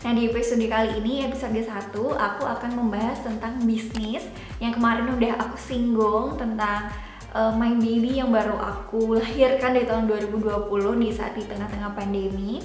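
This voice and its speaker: Speaking at a moderate pace in a fairly high, darkish, level-toned voice, a woman in her twenties from Java, Indonesia, vlogs for YouTube. Her talk is casual and chatty with explanations along the way, set in an echoey room with background music.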